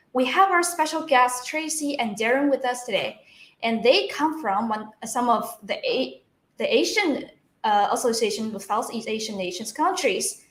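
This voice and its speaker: A woman hosting a livestream interview, upbeat and prompting her guests with quick questions. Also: a little high, a bit bright. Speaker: livestream host. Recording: roomy echo.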